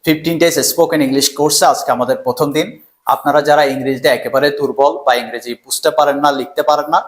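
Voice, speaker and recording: A man with a Bengali accent teaching a spoken English lesson, drilling words slowly and loudly and repeating each one three times. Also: on the high side.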